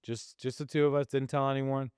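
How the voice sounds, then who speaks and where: A middle-aged man hosting a podcast, telling a personal story in a casual, animated way and laughing often. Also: medium pitch, fairly quick, clear, resonant tone, dry recording, studio quality. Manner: animated, laughs often, acts out quoted voices. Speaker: podcast host.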